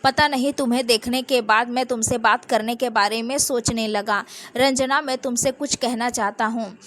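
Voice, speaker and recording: Woman reader doing an earnest young man, insistent, high voice, read-aloud story. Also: steady tone, normal speed, fairly bright tone, lightly acted.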